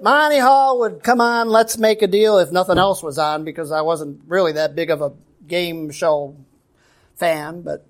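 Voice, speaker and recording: A middle-aged man preaching a sermon as pastor, telling stories animatedly and shouting out quoted lines. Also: high voice, fairly even intonation, normal speed. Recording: roomy echo, distant mic, faint ambience.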